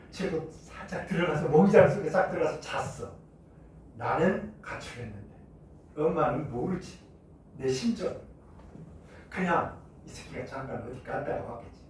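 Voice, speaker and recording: A middle-aged chemistry teacher from Jeju Island talks to his class in a high voice that swings widely in pitch. He spins a childhood story with animated acted-out voices before returning to the lesson. He is recorded from a distance in a strongly echoing room. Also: slight background noise. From Jeju Island, Korea. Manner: animated, acts out shouting voices in his stories. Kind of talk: classroom lecture with personal storytelling. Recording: echoey room, mic far off.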